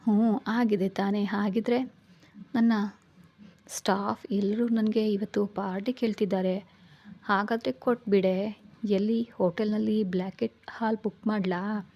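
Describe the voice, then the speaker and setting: A woman voicing a teasing, protective young man, the twin brother in a read-aloud story, in a breathy voice. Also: medium pitch, steady tone, unhurried, darkish tone, highs cut off. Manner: playful, teasing, bossy. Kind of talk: storybook reading.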